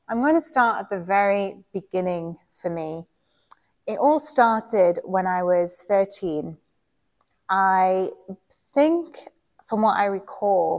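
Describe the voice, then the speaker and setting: Earnest woman telling her story. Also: medium pitch. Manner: candid, earnest, conversational with fillers. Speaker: wellness author telling her health story. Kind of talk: personal storytelling monologue.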